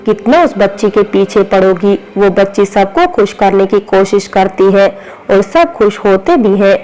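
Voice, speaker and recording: A woman's voice: mid-range voice, lively intonation, measured pace, natural voice, poor audio. A woman doing a doting old father-in-law. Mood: angry. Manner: warm, scolding. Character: affectionate, stern elderly father-in-law.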